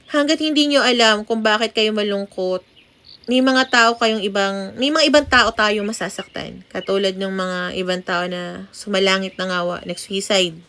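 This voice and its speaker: Young woman doing a chatty tarot reading, lots of "no?" and "okay?", mid pitch. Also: fairly bright tone. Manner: chatty, tag questions, mixes English into Filipino. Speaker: tarot reader. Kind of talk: casual spoken tarot reading.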